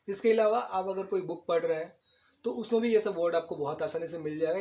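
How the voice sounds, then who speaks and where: A man with a high-pitched voice gives a patient vocabulary lesson. He spells each word out letter by letter and keeps checking in with the viewer as he explains. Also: a little mellow. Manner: patient, repeats "right?", spells words out letter by letter. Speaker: spoken English teacher.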